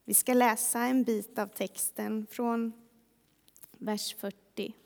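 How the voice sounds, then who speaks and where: A woman preacher telling a story in a relaxed, conversational sermon. Her voice sits fairly high, and a long reverb carries through a large hall. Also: gravelly. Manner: conversational, vivid retelling.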